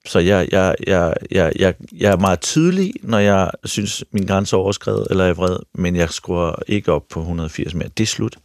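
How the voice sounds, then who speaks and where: A middle-aged man with a very low, gravelly voice shares a personal story on a talk show. He speaks frankly and openly, often circling back and restarting his sentences. The sound is dry and close on a studio mic. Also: lively intonation, hardly any pauses, darkish tone, no room sound. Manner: frank, self-revealing, with repeated restarts. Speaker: actor and radio show host.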